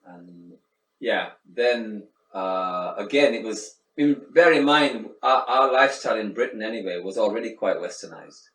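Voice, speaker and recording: His voice on the low side, unhurried and fairly bright, a middle-aged man from Sri Lanka reflects during a casual interview, frequently restarting and leaning on fillers. The recording comes from a mic at a distance in an echoey room, with faint background noise.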